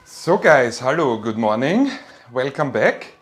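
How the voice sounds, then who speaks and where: A university finance lecturer, a man whose first language is German, gives an informal live online lecture. His medium-pitched voice is very animated and slow-paced, and he addresses students in a friendly, encouraging, informal way.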